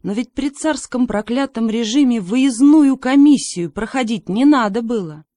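A woman's voice: fairly high pitch, moderate pace, warm tone, no room sound, studio quality, voice pushed up, close to an everyday voice. A woman voicing an indignant old grandfather, a devoted communist, in a read-aloud story. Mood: proud. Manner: declaiming, indignant.

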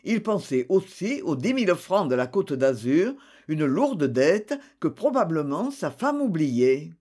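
A narrator giving a slow, expressive reading of a literary novel. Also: medium pitch, slightly rough. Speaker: audiobook narrator.

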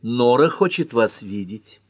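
An earnest, easily shocked young woman in a detective audiobook, put on by a man. He lifts his pitch well above his own voice for her and gives her protesting, eager lines. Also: lively intonation, measured pace, no echo, highs cut off.

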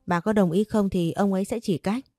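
A woman voicing a greedy, sly older male shaman who talks in a slow, knowing, wheedling way. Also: mid-range voice, steady tone, warm tone, no echo, clean studio sound, faint music behind, close to an everyday voice.

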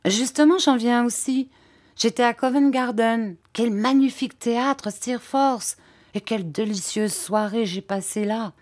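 A woman's voice: mid-range voice, moderate pace, lightly acted. A woman reading an eager young man. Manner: excited, gushing.

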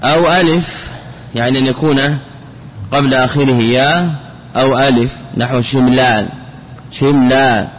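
Man slowly drilling grammar patterns, echoing hall. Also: medium pitch. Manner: repeats words slowly, spelling out patterns syllable by syllable. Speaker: teacher of Arabic grammar. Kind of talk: classical Arabic grammar lesson. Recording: dull lo-fi recording with long reverb and faint noise.

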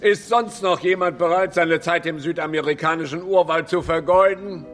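A man's voice: on the high side, moderate pace, fairly bright tone, faint music behind, close to an everyday voice. An actor playing a dry, haughty, skeptical male professor, speaking formally and scornfully in a radio drama.

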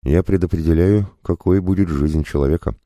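A man's voice: low-pitched, a little fast, warm tone, dry recording, studio quality, close to an everyday voice. A man voicing a naive young goddess of fate who speaks simply and earnestly in an audiobook. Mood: plain earnest. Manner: simple, earnest, matter-of-fact.

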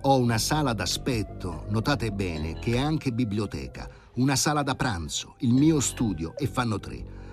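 A man playing a pompous elderly professor who speaks with grave, ironic, drawn-out emphasis. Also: medium pitch, sing-song, faint music behind, voice pushed up. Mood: haughty, stern. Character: pompous elderly male professor, stern and sardonic.

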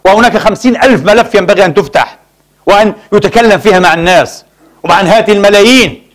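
Fast, high-voiced male preacher. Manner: emphatic, rhetorical questions and repetition; addresses the congregation as brothers. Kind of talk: Friday sermon.

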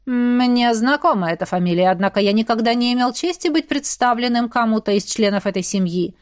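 A woman's voice: a little high, fairly quick, no room sound, studio quality, natural voice. A woman voicing a sly, flamboyant male baron who drawls and teases. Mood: drawling. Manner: drawling, teasing.

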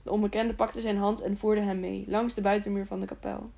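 A woman narrates an audiobook of a children's novel. Her reading is steady and plain, with occasional slips and restarts. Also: medium pitch, a little fast, vocal fry.

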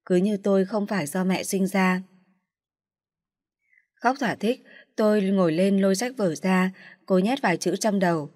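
A woman calmly reading a first-person story. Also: mid-range voice, moderate pace, long pauses, dry recording, clean studio sound. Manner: calm, even reading.

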